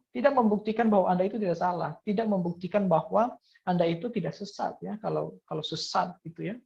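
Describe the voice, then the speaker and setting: Gravelly low-voiced woman teaching scripture. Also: a little mellow. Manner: repeats "ya" and "nah", reads verses aloud. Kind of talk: Bible teaching monologue. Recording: dull lo-fi recording.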